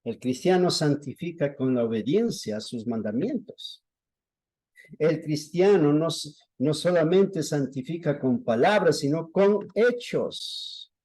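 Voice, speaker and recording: A man preaching a sermon to a small congregation, telling stories slowly and deliberately. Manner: slow, deliberate storytelling with lively pitch swings.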